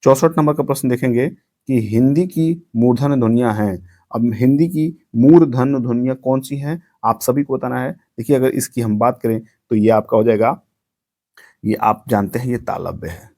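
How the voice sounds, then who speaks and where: Man drilling a grammar lesson, mellow voice. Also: mid-range voice, moderate pace. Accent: Hindi-speaking north Indian. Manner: repeats questions and answers for drilling. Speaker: teacher. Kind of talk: online exam-prep lesson.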